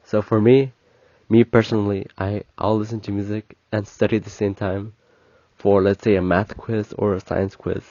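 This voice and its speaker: Young man, sick and stuffy, rambling casual podcast talk, muffled lo-fi sound, dark mellow tone. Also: on the low side, level tone, normal speed, gravelly, dry recording. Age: young adult. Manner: rambling, self-correcting, chatty. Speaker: podcast host, college student.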